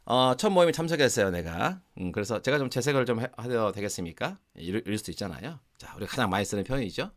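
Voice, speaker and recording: A man with a Gwangju Korean accent teaching an online English grammar lesson. He acts out short example dialogues and slows right down for the English phrases. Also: medium pitch. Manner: lively explaining, acting out example dialogues, slowing for English phrases.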